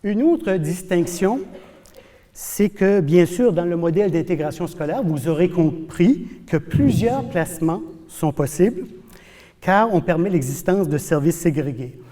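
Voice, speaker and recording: A professor lectures with animated emphasis, repeating key words to drive them home. His voice sits fairly high but sounds mellow and soft-edged. The sound carries a long reverb from a large hall. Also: unhurried. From New Brunswick, Canada.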